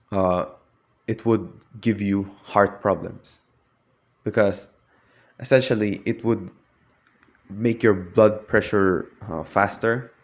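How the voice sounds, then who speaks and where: A man's voice: fairly low pitch, highs cut off. A young man giving a prepared talk to a class, hesitant, with frequent restarts and fillers.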